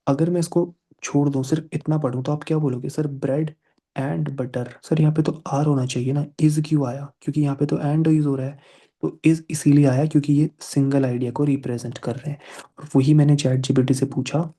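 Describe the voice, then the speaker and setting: A man's voice: fairly high pitch, fairly even intonation, normal speed, warm tone. A man teaching an online English grammar class. He mixes English into his explanations and voices his students' questions.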